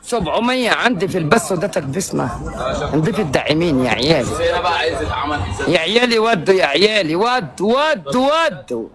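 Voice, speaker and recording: A man with an Egyptian Arabic accent, streaming live and calling out loudly and theatrically to his viewers for gifts. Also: high-pitched, sing-song, a little fast. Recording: live-stream audio with loud crowd noise.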